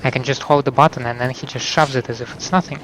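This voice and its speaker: A man's voice: medium pitch, fairly even intonation, fast, a bit bright, a little hiss or hum, rough recording. A man giving casual spoken commentary as a gamer while playing a video game.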